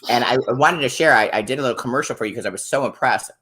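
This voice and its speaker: A woman's voice: extremely low pitch, very fast, a bit bright, slight background noise. A middle-aged woman hosting a casual interview, praising products with upbeat enthusiasm. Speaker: host.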